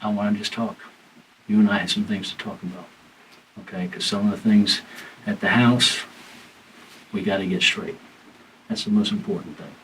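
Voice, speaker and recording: Low-voiced detective on old interrogation tape. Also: male voice, steady tone, normal speed, pauses often, a bit bright. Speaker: police detective. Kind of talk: police interrogation. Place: police interrogation room. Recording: distant mic, faint hiss in interrogation room.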